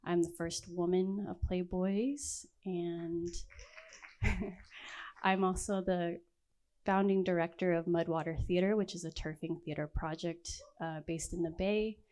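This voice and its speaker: A woman's voice: on the low side, steady tone, measured pace, darkish tone. A woman introducing herself on a panel in a self-deprecating way, laughing lightly and speeding up in bursts. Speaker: panelist, director and choreographer. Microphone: handheld mic.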